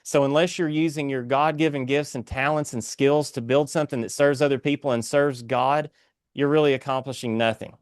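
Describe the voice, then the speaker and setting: A man's voice: mid-range voice, steady tone, fairly quick, clear, resonant tone, no echo, studio quality. A man with an Appalachian accent speaking as a guest author in an earnest, inspirational interview, exhorting like a preacher.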